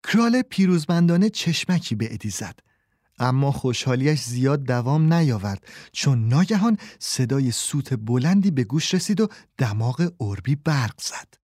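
Mellow, dry-voiced male storyteller. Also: mid-range voice, sing-song, no room sound. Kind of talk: scripted storybook narration.

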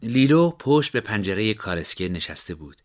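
A man narrating a story in a steady, measured way. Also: lowish voice.

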